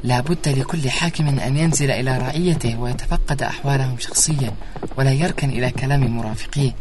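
A man's voice: mid-range voice, quick pace, very noisy, natural voice. A man acting a just, caring young king in a formal radio drama, dignified and declamatory. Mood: resolute.

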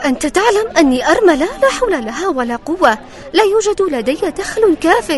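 Shrill-pitched, pleading poor widowed mother. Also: very animated, fast, a crowd in the background. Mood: desperate pleading. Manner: pleading, plaintive. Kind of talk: radio drama acting.

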